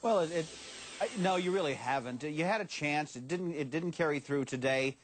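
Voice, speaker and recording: A man's voice: a little high, normal speed, no room sound. Male newsletter editor, dry studio sound. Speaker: market newsletter editor guest. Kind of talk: cable business news discussion.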